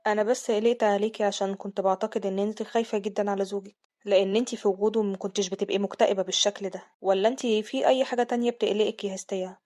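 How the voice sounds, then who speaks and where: Brief: woman reading a cold, scornful young prince, Egyptian accent, flat contemptuous musing, rapid delivery. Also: mid-range voice, voice pushed down, natural voice. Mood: cold, probing. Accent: Egyptian Arabic.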